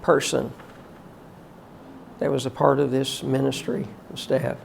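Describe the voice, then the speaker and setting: An older man, a college teacher, reminiscing about former staff in a heartfelt, halting way, often emotional and prayerful. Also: mid-range voice, level tone, creaky, a little mellow, a little hiss or hum.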